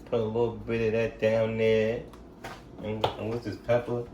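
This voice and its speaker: A man's voice: fairly low pitch, completely flat delivery, normal speed, reverberant, far from the mic, highs cut off, noisy background. A young man chatting casually in his home kitchen as he cooks for his family, laid-back and slangy, often asking "you feel me?". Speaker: vlogger cooking for his family. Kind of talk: casual cooking vlog chat.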